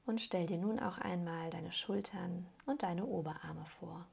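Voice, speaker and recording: A calm woman acting as a hypnosis guide gives gentle instructions in a soothing weight-loss meditation, pausing between them. She talks very slowly in a husky, lowish voice, her soft lines often dipping into creaky, breathy near-whispers.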